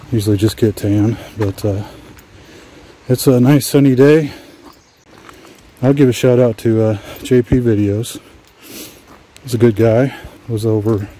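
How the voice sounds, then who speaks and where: Relaxed low-voiced man rambling on a hike. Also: slight background noise. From Washington State, USA. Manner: relaxed, rambling, with frequent "uh" fillers; talks while walking outdoors. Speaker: adventure vlogger. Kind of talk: casual hiking vlog commentary. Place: outdoors on abandoned railway tracks.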